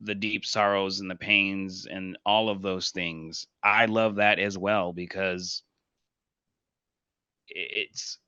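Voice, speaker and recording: A man speaking as a podcast guest, earnest and reflective, often repeating affirmations softly. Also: low voice, level tone, slow, smooth, dry recording, muffled recording. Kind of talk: casual podcast conversation.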